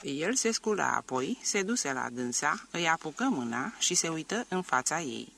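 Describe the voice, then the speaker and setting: A man reading a classic novel aloud as an audiobook narrator, in a measured, expressive way. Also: fairly high pitch, vocal fry, slight background noise.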